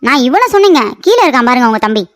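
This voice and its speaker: A man voicing a fussy young wife in a cartoon story, talking in a high, pleading, nagging way. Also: very animated, very fast, over music. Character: fussy young wife, doting on pet crow.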